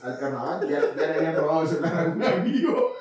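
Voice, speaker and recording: Lively man, off-mic in an echoey room. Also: on the high side, fast, recorded from a distance. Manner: lively, slangy interjections. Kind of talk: casual group chat.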